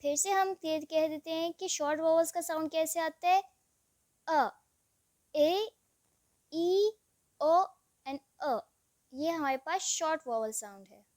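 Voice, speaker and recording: A woman teaches English vowels in a slow classroom explanation, spelling words letter by letter and stretching the vowel sounds with patience. Her very high voice has a darkish tone, moving slowly with frequent pauses, in a dry, clean studio recording.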